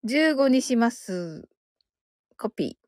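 Bubbly high-voiced woman host, dry close mic. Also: very animated, slow pace, darkish tone, dry recording. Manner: laughs often, reads out listener comments, bubbly. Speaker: host of a live audio broadcast. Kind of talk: casual live-stream chat.

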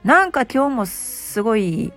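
A middle-aged woman with a gravelly, just-woken hoarse voice, chatting casually and self-deprecatingly as the host of a solo show. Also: fairly high pitch, sing-song, measured pace, a bit bright, faint music behind. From Osaka, Japan. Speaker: host, aromatherapy shop presenter.

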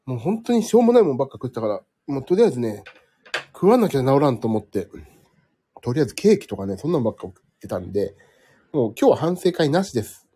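Husky, lively-pitched man, a bit nasal. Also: fast talker. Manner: rambling, sleepy, self-deprecating. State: slightly nasal from a cold. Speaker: livestream host. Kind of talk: casual live-stream chat reading listener comments.

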